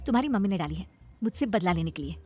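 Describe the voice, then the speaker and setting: A woman voicing a gentle young wife who earnestly defends herself in a cartoon story. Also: fairly low pitch, animated, rapid-fire, soft background music. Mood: indignant.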